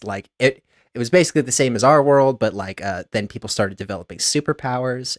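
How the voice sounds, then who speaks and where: A man's voice: mid-range voice, no echo, clean studio sound. A man co-hosting a casual podcast, rambling through explanations with many fillers and restarts. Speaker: podcast co-host. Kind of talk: casual chat.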